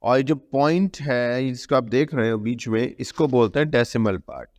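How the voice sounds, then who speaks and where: A male math teacher with an Indian English accent explains a lesson in a medium-pitched, darkish voice at normal speed. He repeats key terms, frequently poses questions and answers them himself, and blends English terms into his Hindi explanation. The recording has a long reverb.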